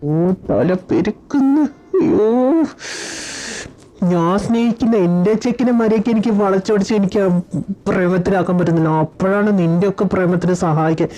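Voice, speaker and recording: A woman's voice: mid-range voice, a little fast, mellow, soft background music, close to an everyday voice, rough recording. A woman voicing anxious young men bantering and pleading with friends in a fan audio drama. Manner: pleading, exasperated chatter.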